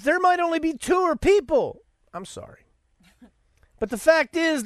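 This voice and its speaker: Sarcastic high-voiced male podcast host. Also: fairly bright tone, dry recording, clean studio sound. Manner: sarcastic, mocking; rambling with stammered restarts. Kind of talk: opinionated commentary monologue.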